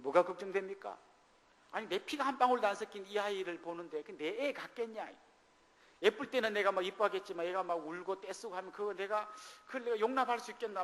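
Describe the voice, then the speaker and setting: A man's voice: sits high, a bit bright. A middle-aged male pastor preaching a sermon, telling a personal story and acting out the dialogue in it. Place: church sanctuary. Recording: long reverb of a church hall.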